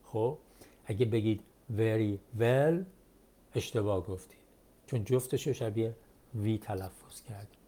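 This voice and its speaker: A male English teacher who speaks Persian as his first language, explaining pronunciation step by step and repeating phrases slowly. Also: fairly low pitch, fairly even intonation, dark tone, breathy edge. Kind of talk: textbook English lesson.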